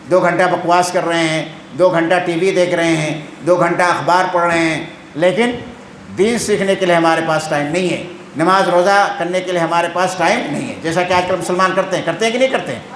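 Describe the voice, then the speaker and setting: High-voiced man teaching in an echoey room. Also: steady tone, fairly bright tone, a little hiss or hum. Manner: constantly asks questions and answers them himself, tagging "hain?". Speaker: Islamic teacher. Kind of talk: religious lesson quizzing listeners.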